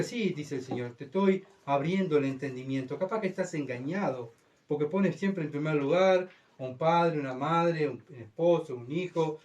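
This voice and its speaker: A Uruguayan-accented man preaches a sermon in a fairly high voice, heard from some distance from the mic. He moves between urgent, loud outbursts and hushed, low passages. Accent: Uruguayan Spanish. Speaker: pastor.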